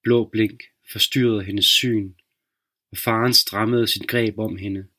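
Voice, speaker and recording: A man hosting a podcast, reading a dark short story aloud in a slow, measured narration. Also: fairly low pitch, fairly even intonation. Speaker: podcast host and reader.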